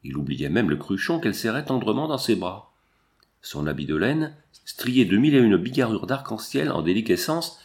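A man narrating a novel in a measured storytelling manner. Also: medium pitch. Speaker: audiobook reader. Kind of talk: scripted narration.

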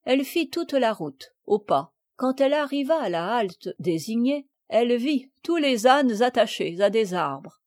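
A woman's voice: a little high, very animated, darkish tone, no room sound, studio quality. Woman reading a children's classic. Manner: measured, clear storytelling. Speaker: audiobook reader. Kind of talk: scripted narration.

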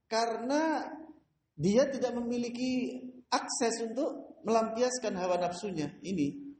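Man, Islamic preacher, high-pitched, animated storytelling, echoey mosque room. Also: a little slow, a little hiss or hum. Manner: animated storytelling, laughs often, mimics voices. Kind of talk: mosque study lecture.

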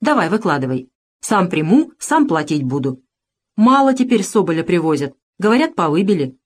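A woman's voice: lowish voice, sing-song, normal speed, a little mellow, breathy edge. Woman doing a sneering rich merchant guy, bossy, voice jumps around a lot. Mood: dismissive. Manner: scornful, bossy. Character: greedy sneering male fur merchant.

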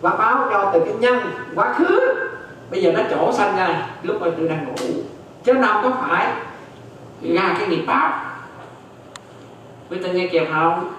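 Monk teaching dharma, high animated voice, heavy echo from a distant mic. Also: male voice, moderate pace, long pauses, a little hiss or hum. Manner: keeps checking that listeners follow, repeats phrases. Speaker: Buddhist monk teaching Abhidhamma. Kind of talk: dharma lecture. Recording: very echoey hall, distant mic.

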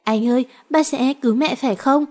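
A woman's voice: normal speed, darkish tone. A woman reading aloud and voicing a frightened little girl who pleads through tears. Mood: pleading. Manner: high, pleading cries. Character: little girl, frightened and crying for her mother.

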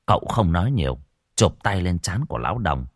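A man narrating an audiobook story in an expressive storytelling manner. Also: deep voice, a little fast, dry recording, studio quality.

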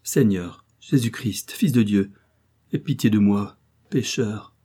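A man's voice: on the low side, slow pace, mellow, slightly rough. A man playing a grave middle-aged monk who speaks in earnest, prayerful tones.

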